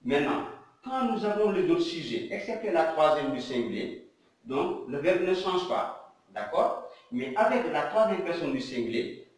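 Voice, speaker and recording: Slow-paced teacher in an echoey room. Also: male voice, on the high side. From Senegal. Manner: slow, repetitive, rhetorical questions. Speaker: English teacher. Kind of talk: classroom grammar lesson. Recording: echoey room, mic at a distance.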